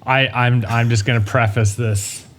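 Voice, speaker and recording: A man co-hosting a podcast while hoarse from illness, animated and stammering in casual chat. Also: mid-range voice, a little slow. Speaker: podcast co-host.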